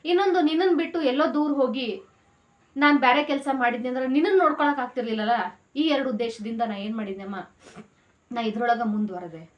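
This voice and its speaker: A woman's voice: high voice, a little fast, lightly acted. A woman voicing a devoted, determined young fisherman son who speaks earnestly.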